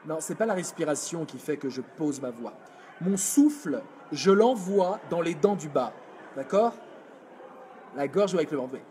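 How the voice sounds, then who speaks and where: High-voiced energetic male speaking coach. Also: normal speed, slight background noise. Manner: energetic, demonstrative, reads chat comments aloud. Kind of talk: live video workshop lesson.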